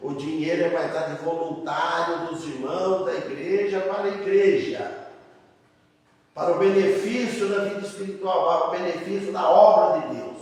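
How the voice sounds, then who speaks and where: High-voiced pastor preaching in an echoey church. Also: male voice, steady tone, moderate pace, a little mellow. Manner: plain conversational preaching, addressing the congregation as brothers; breaks off words and restarts. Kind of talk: sermon. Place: church sanctuary. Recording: echoey church hall, mic far off.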